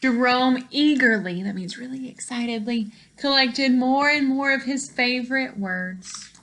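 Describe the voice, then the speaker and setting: With a high voice and a little hiss or hum in the recording, a woman reads a children's picture book in a lively, teacherly way. She pauses to unpack words and put questions to the kids listening.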